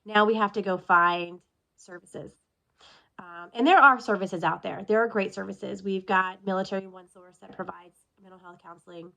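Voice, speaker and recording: A woman in her thirties, a military spouse vlogger, records a casual video check-in while sniffling from allergies, talking openly and drifting onto tangents. She speaks at a normal speed in a gravelly, mid-range voice with a sharp edge. The audio quality is poor.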